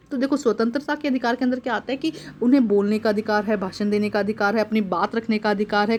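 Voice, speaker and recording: A fairly high-voiced woman teaches from a worksheet. She reads each point aloud, then explains it again more simply, with English words mixed in. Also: a little mellow.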